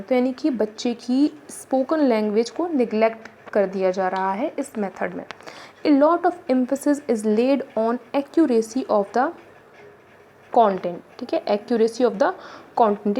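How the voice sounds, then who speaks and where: An Indian-accented woman delivers an exam-prep lecture in a voice pitched a little above most women. She goes over each point more than once and keeps checking in with her listeners. A faint noise sits behind her voice. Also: darkish tone. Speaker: teacher.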